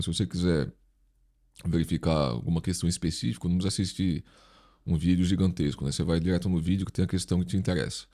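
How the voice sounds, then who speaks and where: A Brazilian man with a low, mellow voice runs an informal exam review lesson as an instructor and online video host. A dental retainer in his mouth slightly impedes his articulation.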